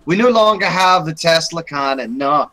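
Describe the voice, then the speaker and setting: A man's voice: on the high side, lively intonation, moderate pace, bright, forceful tone, low-quality recording. A young man co-hosting a casual gaming chat, rambling with many restarts. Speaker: podcast co-host.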